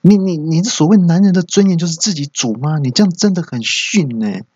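A man's voice: a little high, a little fast, darkish tone, slightly rough, no echo, highs cut off, voice pushed up. A man voicing an indignant teenage son in a comedy bit, exasperated and stammering.

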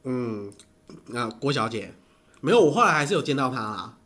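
A man, telling stories in casual chat, animated and laughing often. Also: medium pitch, normal speed.

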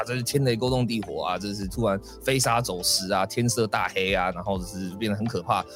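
A man hosting a podcast, casually telling a folk ghost story with many fillers and acted voices. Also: fairly low pitch. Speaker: podcast host.

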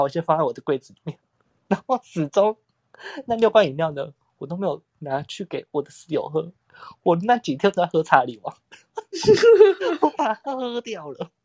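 A man's voice: fairly high pitch, a little mellow, breathy edge, dry recording. A young man, telling a long story in casual chat as podcast co-host, rambling and acting out quotes with frequent laughs.

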